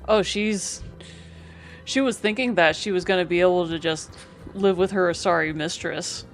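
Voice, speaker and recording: Casual, sarcastic gameplay streamer; mid pitch, music under. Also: normal speed. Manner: chatty, sarcastic.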